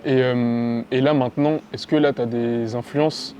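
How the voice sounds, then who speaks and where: A man with a mellow, darkish voice asks long, rambling questions in a casual interview. He often repeats his guest's words back to him. Faint noise sits behind his voice. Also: medium pitch, steady tone, a little slow.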